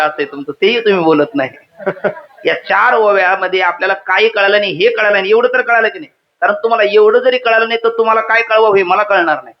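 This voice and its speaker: A man giving a devotional kirtan sermon, quizzing the audience, reciting verses and joking with them. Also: sits high. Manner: interactive, quizzes the audience and asks them to repeat words; humorous asides. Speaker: kirtan preacher. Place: hall with a live audience. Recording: dull lo-fi sound.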